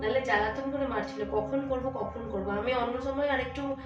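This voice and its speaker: Over loud music, a young vlogger talks fairly quickly in a highish voice, narrating a casual family video in a chatty, informal way with English greetings mixed in. The footage is dull, lo-fi home video carrying faint noise.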